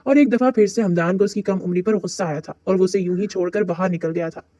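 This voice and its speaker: A man narrating an audio novel in a steady storytelling way. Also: high-pitched, fast, no room sound.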